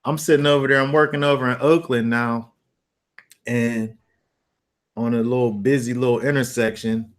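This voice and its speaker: A man's voice: mid-range voice, normal speed, pauses often. Casual host, man, mid-range voice, rambling storyteller who acts scenes out. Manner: animated storyteller, acts out scenes with sound effects; loose, rambling with restarts. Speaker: host of a Bible study discussion. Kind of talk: casual chat.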